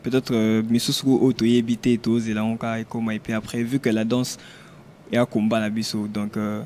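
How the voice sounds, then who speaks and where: A man from Kinshasa gives brief answers in an even, flat tone. He talks plainly about dancing. Faint background noise runs under the recording. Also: fairly low pitch, normal speed. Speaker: dancer. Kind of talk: casual interview.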